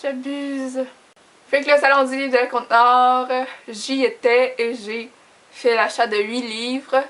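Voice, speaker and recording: A young adult woman with a Quebec French accent chats informally to camera as a book vlogger, giggly and self-deprecating. Her voice is high and fairly bright, with little pitch movement and a measured pace.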